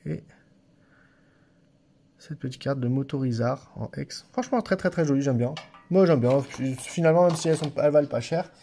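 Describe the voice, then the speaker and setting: A man with an accent and a mellow, darker voice, chatting to viewers as he opens card packs. He hesitates, repeats words and stammers a little. The recording has faint background noise. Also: mid-range voice, normal speed. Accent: non-standard French accent. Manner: chatty, often addresses viewers directly. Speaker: card-opening channel host. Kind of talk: casual unboxing commentary. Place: office.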